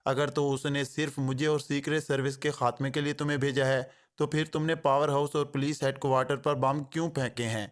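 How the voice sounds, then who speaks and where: A man's voice: medium pitch, little pitch movement, hardly any pauses, close to an everyday voice. A man voicing a male secret agent who jokes mockingly, then speaks in a cold, hard tone. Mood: cold, stern. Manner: switches from joking patter to cold, hard tone.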